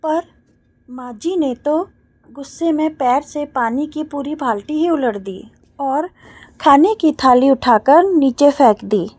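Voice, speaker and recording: A tired housemaid from a read-aloud story, airing her complaints at length. A woman voices her in a high voice. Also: takes it slowly, darkish tone. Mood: aggrieved. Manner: complaining, aggrieved. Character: weary housemaid complaining about her work.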